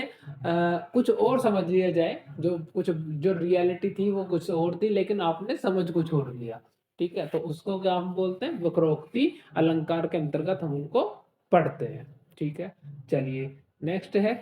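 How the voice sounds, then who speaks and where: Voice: mid-range voice, warm tone, roomy sound. A Hindi teacher leading an exam-prep class, explaining with everyday examples, asking questions and checking in often. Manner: asks rhetorical questions and says "ठीक है" often.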